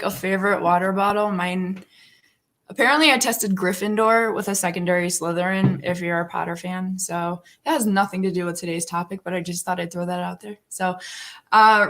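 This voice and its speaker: A woman in her thirties with a rough morning voice, chatting casually and earnestly on a live stream. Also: mid-range voice, brisk, fairly bright tone. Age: 30s. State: morning frog voice. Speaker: livestream host.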